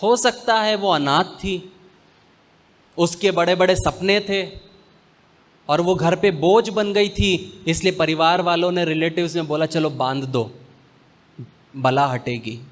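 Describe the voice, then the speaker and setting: A man preaches a sermon. His voice sits a little high, and he moves at a slow, deliberate pace. He leans on weighty pauses and mixes in English phrases. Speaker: pastor.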